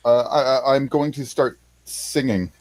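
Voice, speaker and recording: Man, player, in-character, drunk singer, fussing, middle pitch. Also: normal speed, a little mellow, no room sound. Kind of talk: in-character tabletop play.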